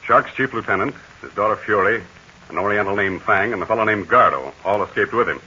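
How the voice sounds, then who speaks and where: An actor playing a commanding heroic aviator captain, in 1940s radio acting style. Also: male voice, fairly low pitch, fairly quick, pushed and bright, husky, exaggerated voice. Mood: firm. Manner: firm, decisive. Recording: muffled old radio recording with faint hiss.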